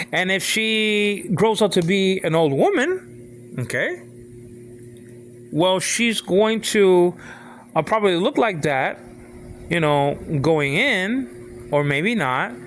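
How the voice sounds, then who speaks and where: A man of sixty giving an informal talk on faith, halting and repeating himself, often asking if the listener follows. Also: high-pitched, lively intonation, a bit bright, slight background noise. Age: 60s. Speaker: father speaking on faith.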